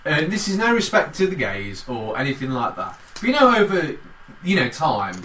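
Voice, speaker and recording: A man rambles through casual banter, swearing freely, his bright voice swooping with lively pitch. He sits off the mic in an echoey room, with a faint ambient hum behind him. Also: moderate pace, distant mic. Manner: animated, rambling, heavy swearing.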